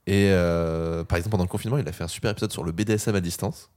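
A man hosts a casual podcast and rattles through his recommendation with filler words. His voice is very low and his pace is rapid. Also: fairly even intonation, a little mellow. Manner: quick, chatty, many fillers. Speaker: podcast host. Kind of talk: casual chat.

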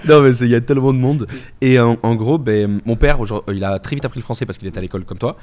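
A man hosting a casual chat, talking in a relaxed, rambling way with hesitations. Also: medium pitch, very fast.

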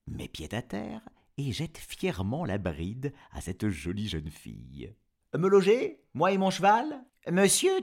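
Playful animated male storyteller. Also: on the low side, husky. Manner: playful, animated, teasing asides. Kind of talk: storytelling to a child.

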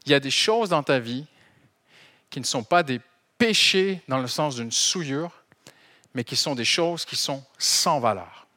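A middle-aged Canadian French pastor preaches a sermon to his congregation. He talks in an animated, conversational way. He slips humor and small repetitions in among his points. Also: mid-range voice, unhurried. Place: church hall.

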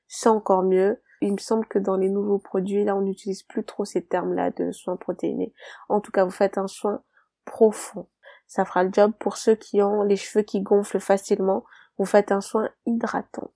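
Gravelly-voiced woman giving hair advice. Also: mid-range voice, dark tone, no echo. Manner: direct, pleading, with emphatic repeats. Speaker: hairdresser and podcast host. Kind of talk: solo podcast advice monologue.

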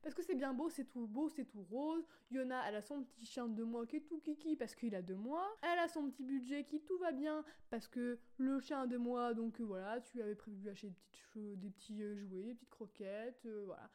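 Chatty young woman with a higher voice. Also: fairly quick, hardly any pauses. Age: young adult. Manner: chatty, animated and self-mocking, with sarcastic asides. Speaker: podcast host. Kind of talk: casual spontaneous podcast chat.

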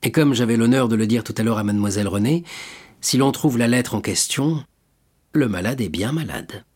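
A man voicing an ambitious young prosecutor, speaking in a smooth, self-assured, slightly ironic way. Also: medium pitch, fairly quick, a little mellow, lightly acted. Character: ambitious young male royal prosecutor, suave.

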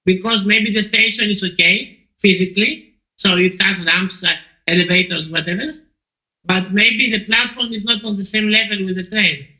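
A man's voice: high voice, steady tone, moderate pace, sharp tone, rough recording. A man from Poland answering interview questions as a podcast guest, hesitant, with many restarts and fillers.

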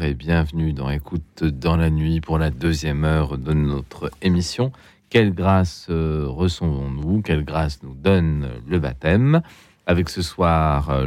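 Deep-voiced polite male radio host. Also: a little mellow, no echo. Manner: courteous, hesitant, many fillers. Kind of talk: late-night call-in radio. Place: radio studio. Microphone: studio microphone.

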